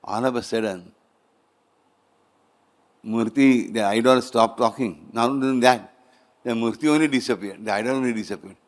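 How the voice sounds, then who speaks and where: A man's voice: medium pitch, moderate pace, long pauses. A man with an Indian accent, a spiritual teacher telling a story in a sermon, repeating phrases for emphasis and slipping into Hindi.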